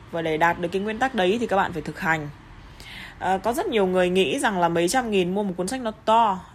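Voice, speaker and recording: A woman teaching English pronunciation, speaking bluntly in Vietnamese and reading English examples with a Vietnamese accent and slow, exaggerated rises and falls. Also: on the low side, slight background noise. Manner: blunt, scolding asides in Vietnamese. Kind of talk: online English pronunciation lesson.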